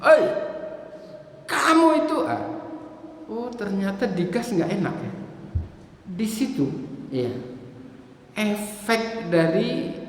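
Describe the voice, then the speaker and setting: A man preaching at a mosque study session, telling everyday stories and acting out parents and children in lively little scenes. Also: high-pitched. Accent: Indonesian. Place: mosque hall. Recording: echoey hall reverb.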